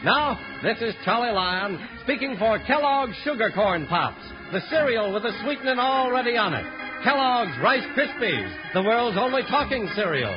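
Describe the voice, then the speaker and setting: An American man announces in old radio style, polished and emphatic. His high voice swings widely over a dull vintage recording. It is a scripted, showmanlike read. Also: very animated, moderate pace, over music.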